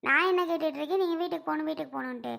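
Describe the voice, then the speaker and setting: Woman playing a gravelly scolding village mother. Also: high-pitched, a bit bright, full character voice. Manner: indignant, scolding, rapid questions. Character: scolding middle-aged mother defending her daughter. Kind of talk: village family skit.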